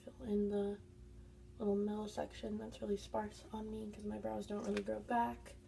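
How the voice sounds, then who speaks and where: A congested woman talks through her everyday makeup routine in a casual, chatty way, naming each product and step. Her mellow voice has a gravelly edge. She sits a little back from the mic, with a faint hum behind her. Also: mid-range voice, little pitch movement, moderate pace, recorded from a distance. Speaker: beauty vlogger.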